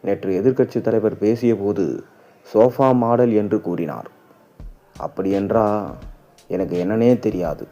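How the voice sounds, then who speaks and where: A man reading the news, relaying a political speech in a steady, even voice. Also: lowish voice, a little slow, long pauses. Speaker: news reader. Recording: dull lo-fi audio with faint music.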